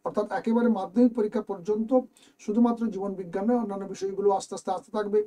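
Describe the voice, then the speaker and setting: High-voiced man teaching students. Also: steady tone, racing, mellow. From West Bengal, India. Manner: explains step by step, addressing students directly. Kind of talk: exam question walkthrough lesson.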